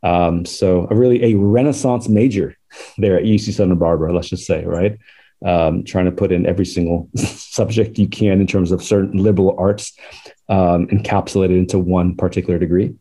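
A man's voice: low voice, fairly even intonation, moderate pace, warm tone, breathy edge. A man in his forties from Southern California, a podcast guest telling his life story in a chatty, rambling way that is full of laughs. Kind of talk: casual life-story interview.

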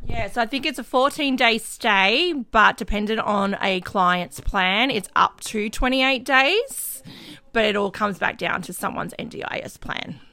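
A woman's voice: a little high, a little slow, pushed and bright. A woman guest in a casual interview, explaining things in an upbeat way with the odd joke. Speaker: team leader guest.

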